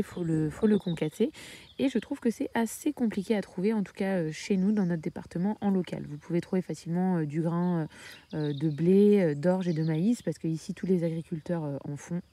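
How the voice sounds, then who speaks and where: A woman's voice: lowish voice, brisk, mellow. A woman from France talking casually about her hens in a homestead vlog, hesitating often with filler sounds. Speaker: backyard poultry keeper.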